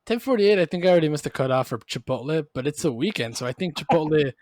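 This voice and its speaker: A man's voice: a little high, expressive, quick pace, darkish tone, no echo, studio quality. A tipsy man co-hosting a podcast, chatting casually with profane slang and bits of Spanish. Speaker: podcast co-host. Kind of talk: casual banter with friends.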